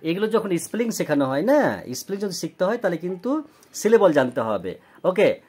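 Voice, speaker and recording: Low-voiced patient woman tutor. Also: very animated, darkish tone, slightly rough. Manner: patient, repeats words slowly and quizzes. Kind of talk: home tuition spelling test. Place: tuition room.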